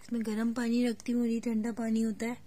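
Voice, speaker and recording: Hoarse woman vlogging at home. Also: a little high, completely flat delivery, fast. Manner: talks softly, near a whisper, while the baby sleeps; calls out to her children at home. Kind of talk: casual home vlog.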